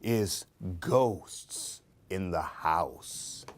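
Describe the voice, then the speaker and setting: A man with a deep, animated voice reads Halloween picture books extremely slowly and theatrically as host of a children's book show. He tosses in questions and asides for young listeners during this expressive story time.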